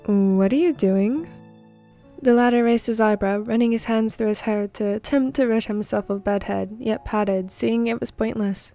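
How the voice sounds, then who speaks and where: A woman reads a fan fiction story aloud in a soft, steady voice. Her pitch sits a little high but barely moves. The tone is mellow, over faint background music. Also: moderate pace, few pauses. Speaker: narrator.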